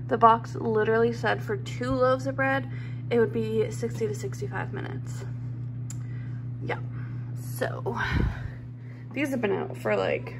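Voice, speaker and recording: A woman's voice: on the high side, vocal fry, background noise. Chatty young woman vlogging on her phone. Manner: chatty, upbeat, chatty asides. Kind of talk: casual vlog narration. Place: home kitchen and front porch. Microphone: handheld phone camera.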